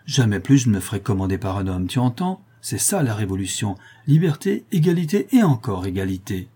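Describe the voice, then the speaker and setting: A man reading aloud, voicing an outspoken middle-aged peasant widow in a raised, husky voice. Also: lowish voice, big pitch swings, brisk, warm tone. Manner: outspoken, defiant.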